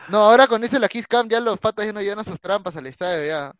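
A Peruvian man co-hosting a relaxed football live stream. His voice sits high and he reads out viewer messages with quick, joking remarks. The sound is dry and close. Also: smooth, no room sound. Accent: Peruvian Spanish. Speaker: co-host reading live chat. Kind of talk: casual live-stream chat.

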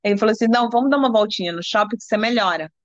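A Brazilian woman with a Brazilian Portuguese accent, a guest in an interview, tells a personal story in a somewhat high voice at a racing pace. She sounds breathless, keeps restarting sentences and acts out quoted dialogue. The lo-fi recording is dull, with no echo.

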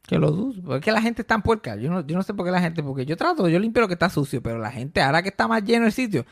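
A man with a Puerto Rican accent chatting casually on a podcast, animated and swearing freely, slipping English into his Spanish. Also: high-pitched, racing, vocal fry. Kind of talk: casual chat.

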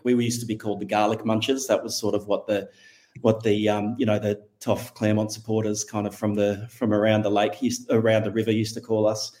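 A middle-aged Australian man with a fairly low voice talks loosely through a podcast interview. He wanders, hesitates and corrects himself mid-sentence. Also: a little mellow. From Western Australia. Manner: rambling, self-correcting, thinks aloud with frequent hesitations. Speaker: podcast guest. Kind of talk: casual conversational interview.

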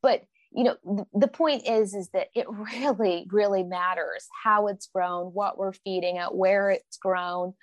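A woman's voice: medium pitch, a little slow, hardly any pauses, no room sound, highs cut off. This is a woman from Oklahoma chatting as a podcast guest. She tells stories with energy and slips into voices for the people she quotes. The sound is dry and close to the mic. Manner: animated storyteller, acts out quotes. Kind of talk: casual podcast chat.

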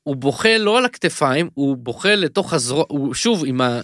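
Animated rambling man in dry studio. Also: a little high, dry recording. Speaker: podcast co-host. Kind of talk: casual TV-recap podcast chat.

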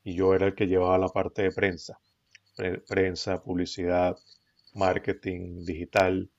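A middle-aged man with a Venezuelan accent, telling his story as a podcast guest in a relaxed, rambling way with many fillers and restarts. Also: low voice, a little slow, no room sound. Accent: Venezuelan Spanish. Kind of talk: casual conversational storytelling. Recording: dull lo-fi recording.

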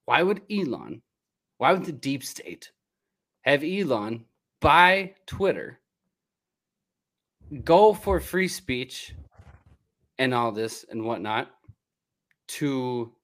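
An earnest man talks politics in a casual chat, circling back over his points and firing off rhetorical questions. His voice sits at an ordinary middle pitch. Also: very animated, slow pace, pauses often, a bit bright. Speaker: podcast co-host.

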